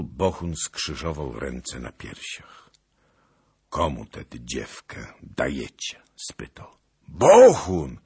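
A man's voice: rumbling low, breathy edge. A man narrating a historical novel as an audiobook, solemn and dramatic.

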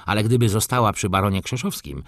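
A hot-tempered stable director from an audiobook, voiced by a man, roaring curses and boasting with a lively, swinging delivery. The tone is dry and close, with a lowish base voice. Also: fast, dry recording, natural voice. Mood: boastful. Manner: swearing, shouting, boastful. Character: irascible blustering male horse-stable director, middle-aged.

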